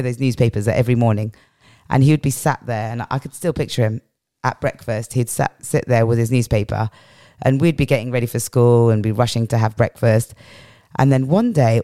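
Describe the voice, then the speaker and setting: In a dry, clean studio recording, a strong-voiced middle-aged British woman from England shares reflective personal stories during a podcast interview. Her very deep voice is mellow, and she repeats phrases to add weight.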